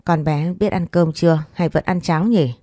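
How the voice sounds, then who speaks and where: A woman's voice: sits low, moderate pace, mellow, no room sound, studio quality, natural voice. Woman doing a weary older mother-in-law. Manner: sighing, complaining.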